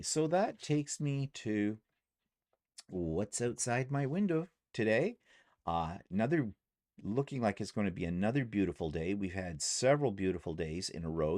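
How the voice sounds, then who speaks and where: A man's voice: deep voice, darkish tone, dry recording, studio quality. A man in his sixties, retired, chatting casually in a rambling way with many fillers on a vlog, possibly with a Canadian accent. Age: 60s. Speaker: vlogger.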